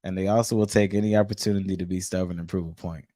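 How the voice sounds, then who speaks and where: A man co-hosting a casual relationship chat, animated, repeating himself and swearing casually. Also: low voice, rapid-fire, dry recording, clean studio sound. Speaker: podcast co-host.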